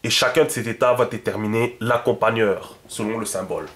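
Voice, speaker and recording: A man explains a lesson in a loose, conversational way, stopping for fillers, repeating words and asking his listeners if they follow. His voice sits low. The recording is echoey, as if made in a bare room, and he sometimes drifts away from the mic. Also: fairly quick. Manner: thinks aloud, many fillers and repeated words, checks in with listeners. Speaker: teacher.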